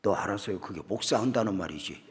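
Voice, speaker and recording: A man voicing an older male pastor who quietly and persistently coaxes a boy, speaking low and half-whispered. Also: expressive, fast talker, long reverb tail, close to an everyday voice. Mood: insistent.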